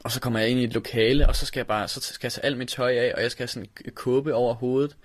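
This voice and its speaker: A young man from Denmark telling a personal story, halting, with many restarts and fillers. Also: mid-range voice, fairly even intonation, no echo. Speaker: interviewee telling his story. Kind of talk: personal recollection.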